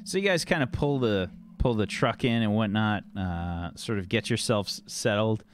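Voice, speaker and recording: A man narrating a tabletop game as game master, casual and halting as he searches for words. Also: lowish voice, clear, resonant tone, faint music behind.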